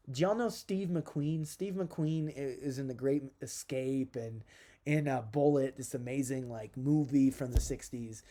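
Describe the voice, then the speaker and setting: A man in his thirties giving a casual psychology lecture, chatty and animated, with self-deprecating asides. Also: medium pitch.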